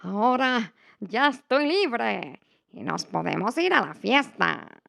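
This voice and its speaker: A woman voicing an eager, bossy little duck in a storybook, sometimes squeaky. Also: big pitch swings, takes it slowly, vocal fry, a bit bright, full character voice.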